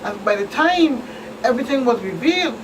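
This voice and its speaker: Her voice is a little high, expressive, and fairly quick as this Virgin Islands-accented woman speaks as a police officer and expert guest on a talk show. She explains things plainly with emphatic repetition, heard through a distant mic in a noticeably noisy, humming room.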